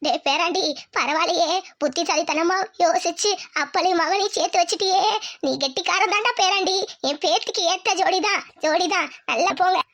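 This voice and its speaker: A woman's voice: extremely high pitch, a little fast, fairly bright tone. A woman voicing a fussy old village grandmother in a cartoon, scolding in rustic country talk. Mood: pleased. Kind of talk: cartoon voice acting.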